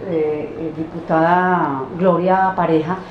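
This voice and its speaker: A woman interviewer asking halting questions with many hesitations. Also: low-pitched, steady tone. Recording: dull, roomy, faint noise.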